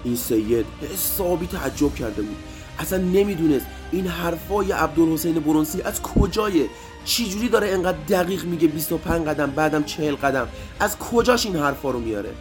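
A man narrating a story and speaking directly to children in a lively way. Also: fairly high pitch. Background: faint music.

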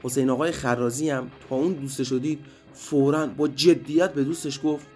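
A man narrating a story for children, lively and addressing the kids directly. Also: medium pitch. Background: faint music.

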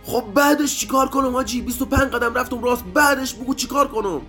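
Guy putting on a high shouty young soldier voice, keeps protesting, faint music behind. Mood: eager. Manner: high-pitched shouting, insistent pleading. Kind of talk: storybook character voice.

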